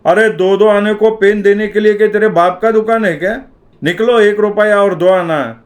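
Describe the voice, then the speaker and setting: A man doing a loud, high-pitched street hawker. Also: very slow, full character voice. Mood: scolding. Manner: shouting sales calls, rude and bossy. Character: loud male street pen hawker, cheating.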